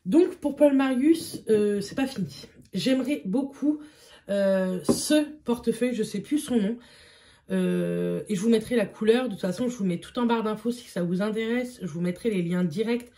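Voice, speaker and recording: A woman's voice: medium pitch, normal speed, dark tone. A young woman chatting casually as a beauty vlogger, with frequent fillers and repeated words. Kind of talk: casual vlog chat.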